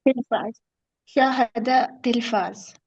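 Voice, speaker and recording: A female student on an online call who answers slowly and hesitantly, repeating her answers. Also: on the high side, husky, no room sound. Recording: dull, lo-fi online call audio.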